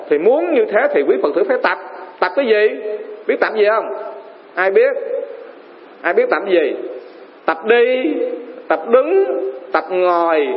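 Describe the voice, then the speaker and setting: A man preaching as a Buddhist monk to lay followers, often quizzing the audience. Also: sits high. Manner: keeps quizzing the audience with questions. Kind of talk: sermon. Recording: reverberant hall, dull lo-fi sound.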